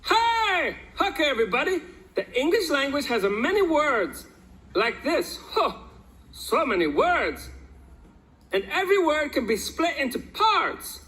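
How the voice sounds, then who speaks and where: A performer voicing a cheerful, excitable cartoon guide in a children's video, bouncy and exclaiming. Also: sits high, unhurried, heavily acted, poor audio. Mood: bubbly. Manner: bouncy, exclaiming, laughing between lines.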